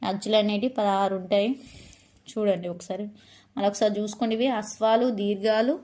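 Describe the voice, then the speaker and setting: A woman teaching a lesson for exam preparation, slowly repeating and drawing out each letter of the alphabet. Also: mid-range voice, fairly even intonation, mellow.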